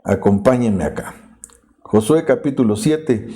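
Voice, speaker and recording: Mellow-voiced man preaching with lively pitch. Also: unhurried. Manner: earnest, explanatory preaching with many restarts. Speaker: pastor. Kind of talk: sermon.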